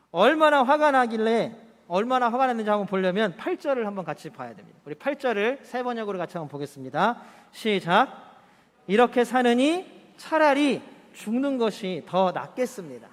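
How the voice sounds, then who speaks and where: High-voiced male pastor preaching in a hall. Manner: conversational preaching with rhetorical questions. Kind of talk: sermon. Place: church sanctuary. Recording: church hall reverb.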